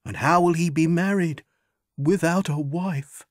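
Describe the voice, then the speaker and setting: Lower-voiced woman reciting rhymes. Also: measured pace. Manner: storytelling, expressive. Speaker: rhyme reader.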